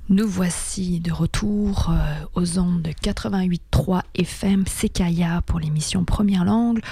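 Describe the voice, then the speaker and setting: Woman radio host talking real slow, gravelly kinda husky voice, dry close sound. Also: fairly low pitch, warm tone, no room sound. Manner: slow, hesitant, many fillers. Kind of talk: radio talk show hosting.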